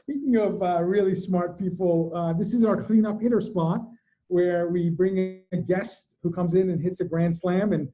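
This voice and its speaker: Man, co-host, upbeat, introduces guests, high voice, mellow tone. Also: fairly even intonation, normal speed. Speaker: show co-host. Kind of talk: casual show hosting. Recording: dull lo-fi call audio.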